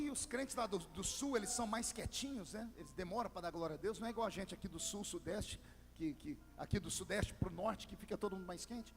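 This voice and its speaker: A Brazilian pastor preaching a Pentecostal sermon, telling a story and building into shouted crescendos, in a large church hall. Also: male voice, high voice. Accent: Brazilian Portuguese. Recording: long hall reverb with faint music.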